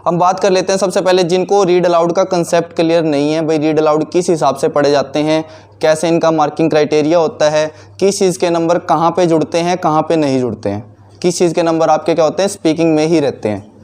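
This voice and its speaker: High-voiced male teacher in class. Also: fairly even intonation, fast, darkish tone. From India. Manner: explains by asking and answering his own questions.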